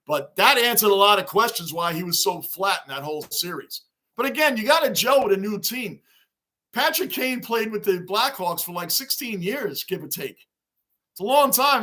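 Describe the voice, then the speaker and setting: A man hosting a casual sports livestream, chatting excitedly and shouting greetings as he reads viewer comments. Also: sits high. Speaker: livestream host. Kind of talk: casual livestream chat reading fan comments.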